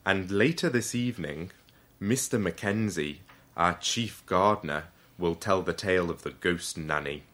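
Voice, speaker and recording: A man voicing a courteous hotel manager who speaks slowly and clearly to a child learning English, in a storybook reading. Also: low voice, fairly bright tone.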